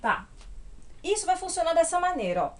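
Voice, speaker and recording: A woman with a Brazilian Portuguese accent teaching English grammar at a whiteboard, patiently checking in with her students and slowing down to spell out the English examples. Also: very high-pitched, very animated. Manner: patient, checks in often with tag questions.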